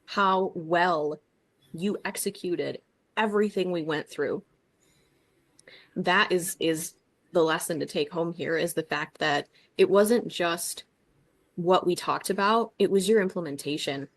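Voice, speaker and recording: A woman's voice: lowish voice, a little slow. A woman relationship coach hosting an interview, enthusiastic and effusive, with casual swearing.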